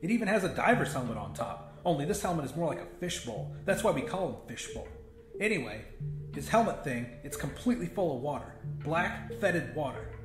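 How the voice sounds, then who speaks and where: This audiobook narrator is a man with a higher-pitched voice, speaking briskly and with great animation as he tells a scripted first-person horror comedy in a sweary, conversational style. The room is echoey, with music playing behind him.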